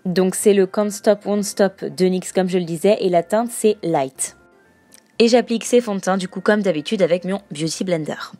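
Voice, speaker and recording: A woman at a mid-range pitch talks through a makeup tutorial in a voice-over, explaining each step plainly. She often pauses on little fillers as she goes. Soft music plays faintly underneath. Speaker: beauty vlogger.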